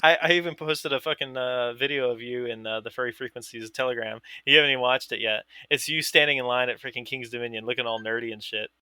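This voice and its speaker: A man's voice: mid-range voice, fairly even intonation, quick pace, few pauses, pushed and bright, clean tone, dry recording. A man from Pittsburgh co-hosting a podcast, teasing the others and laughing often in casual banter. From Pittsburgh, Pennsylvania. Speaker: podcast co-host.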